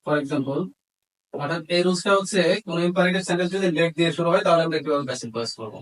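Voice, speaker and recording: Rapid-fire and fairly high-pitched, a man with a Bangladeshi accent runs a grammar lesson as a teacher. He mixes Bengali explanation with English examples he dictates methodically, word by word. The recording is low quality.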